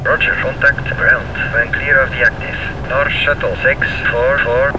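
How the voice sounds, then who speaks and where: A man's voice: medium pitch, steady tone, a little slow. A man speaking as an airline pilot over the aircraft radio, reading back instructions in terse, formulaic phrasing. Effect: pilot heard over the aircraft radio. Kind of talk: clipped radio readback. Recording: distant radio transmission with loud engine noise.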